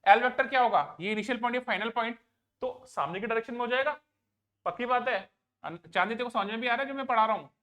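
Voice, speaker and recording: A man's voice: very high-pitched, fast talker, pushed and bright. A man teaching physics to a live class. He asks a question, answers it himself and repeats it, and he coaxes and scolds students to pay attention.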